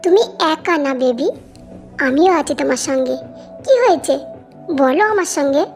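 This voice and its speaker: A woman voicing a calm, possessive young husband in a storybook reading. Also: high voice, moderate pace, loud music behind the voice, pitched below the performer's own voice.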